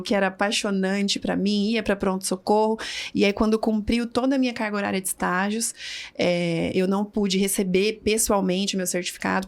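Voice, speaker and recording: A woman in her thirties tells her story as a podcast guest, at a middle pitch. She brings it to life by acting out what each person said. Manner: vivid storyteller who acts out quoted dialogue.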